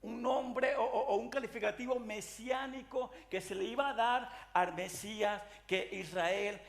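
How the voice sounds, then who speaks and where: High-voiced man preaching earnestly. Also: fairly even intonation, measured pace, gravelly. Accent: Latin American Spanish. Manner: earnest preaching with frequent restarts and repeated "mi amado hermano". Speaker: pastor. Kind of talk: sermon.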